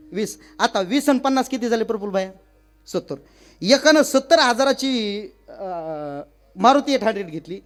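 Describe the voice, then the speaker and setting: A man preaching a comic devotional sermon, telling stories and acting out village women in a high wailing voice. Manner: addresses listeners as maharaj. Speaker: kirtan preacher.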